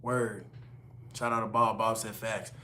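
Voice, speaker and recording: Reading names from the chat and answering viewers in relaxed slang, a livestream host in his late twenties keeps things casual. His voice is lowish, flat, and unhurried, and the sound is pushed and bright.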